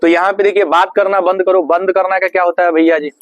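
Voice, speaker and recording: A man teaching an English class, putting questions to the students, answering them himself, and slowing right down on the English phrases. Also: high voice, little pitch movement. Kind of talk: classroom lesson.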